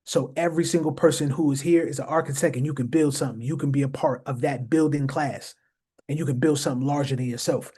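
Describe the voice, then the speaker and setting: Husky-voiced man explaining emphatically. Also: medium pitch, fairly even intonation, fast, mellow. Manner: emphatic, repeats phrases, addresses viewers directly. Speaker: host. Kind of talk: casual explainer talk.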